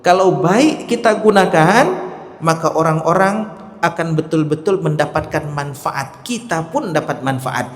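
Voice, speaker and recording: A male preacher with an Acehnese accent giving a sermon, emphatic, repeating key phrases and swinging between loud and soft. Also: fairly high pitch, a little slow. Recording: echoey hall.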